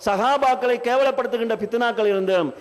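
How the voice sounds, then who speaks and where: A man with a Sri Lankan Tamil accent giving a religious lecture at a conference, arguing forcefully with rhetorical questions. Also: very high voice, fairly quick. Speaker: speaker at an Islamic conference. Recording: long hall reverb.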